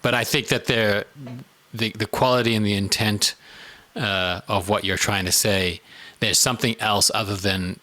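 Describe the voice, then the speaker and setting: Bright-voiced South African man. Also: fairly low pitch, steady tone, normal speed. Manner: thoughtful, rambling, with many "you know"s. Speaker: podcast co-host. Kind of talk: casual studio chat. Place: studio.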